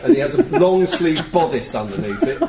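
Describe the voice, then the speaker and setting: A man's voice: a little high, wildly swooping pitch, normal speed, reverberant, over a noisy crowd. A man co-hosting a casual football podcast, blunt and joking as he reads out listener emails. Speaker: podcast co-host.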